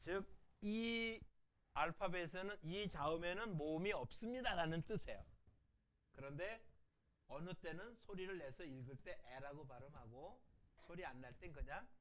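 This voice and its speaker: A middle-aged man giving a recorded language lecture, patiently explaining and answering his own rhetorical questions. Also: fairly high pitch. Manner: repeats example words slowly and softly.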